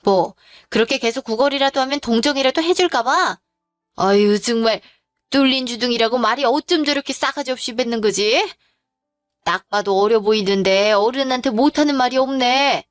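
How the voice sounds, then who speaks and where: A woman's voice: fairly high pitch, moderate pace, dry recording, studio quality, faint music behind, natural voice. A woman voicing a scornful, condescending middle-aged future mother-in-law in an audio drama, scolding with a sneer.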